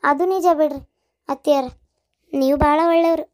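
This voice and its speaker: Cartoon: actor playing a deferential young daughter-in-law; high, soft, North Karnataka accent. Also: steady tone, moderate pace, close to an everyday voice. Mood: meek. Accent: North Karnataka Kannada. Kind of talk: comic cartoon voice acting.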